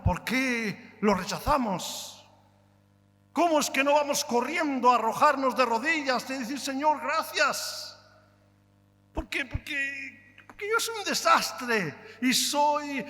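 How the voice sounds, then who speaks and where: Male pastor, high and bright delivery, fervent sermon style with sudden loud and soft turns, long church-hall reverb. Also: animated, measured pace. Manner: impassioned, rhetorical questions, swings between loud and hushed. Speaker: preacher.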